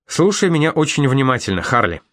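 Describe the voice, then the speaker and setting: Picture a man putting on a soft-spoken woman therapist in an audiobook, asking patient yet insistent questions in a raised, lighter tone. The voice sits close and dry, with no room sound around it. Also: medium pitch, very animated, fairly quick, dry recording, pitched above the performer's own voice. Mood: gently probing. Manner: gentle but insistent questioning. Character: calm, probing female therapist, middle-aged. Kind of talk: audiobook reading.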